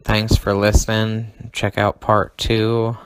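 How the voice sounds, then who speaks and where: A man hosting a casual podcast, wrapping up in a relaxed, slightly hesitant way. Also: fairly low pitch, clean tone, no echo. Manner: slow, relaxed, a little hesitant with ums. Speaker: podcast host.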